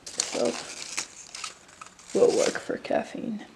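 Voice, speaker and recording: A young woman tours an abandoned amusement park, moving between indoor spaces and wooded outdoor areas, vlogging on a handheld camera that picks up loud background noise. She chats casually with lots of fillers, drawn-out words, trailing sentences and hushed asides.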